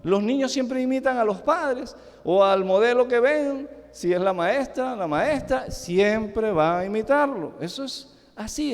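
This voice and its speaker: Middle-aged Venezuelan preacher, high lively voice, emphatic sermon, long church reverb. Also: male voice. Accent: Venezuelan Spanish. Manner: emphatic, rising and falling sharply, with rhetorical questions. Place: church sanctuary. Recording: echoing church hall.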